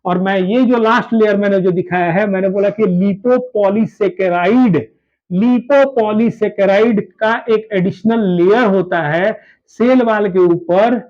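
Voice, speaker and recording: Speaking slowly in a high-pitched voice, a man teaches biology at a whiteboard. Repetitive in manner, he goes over key points again, refers to students as "babu" and urges them to listen closely. The audio is dull and lo-fi.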